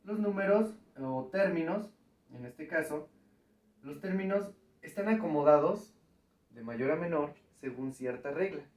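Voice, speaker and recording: A man's voice: a little high, expressive, unhurried, darkish tone, distant mic. Man teaching math in an echoey room. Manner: patient, explains step by step, often checks with "¿ok?". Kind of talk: recorded video lesson at a board.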